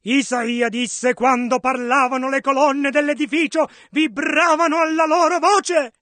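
A man interpreting a sermon into Italian, echoing the preacher's dramatic rises and shouts. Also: extremely high pitch, fairly even intonation, unhurried. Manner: echoes the preacher's dramatic delivery.

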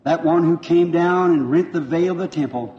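A man's voice: a little high, moderate pace, mellow. Fervent preacher man on dull old tape. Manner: fervent, folksy, repeats himself. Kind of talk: revival sermon with interpreter.

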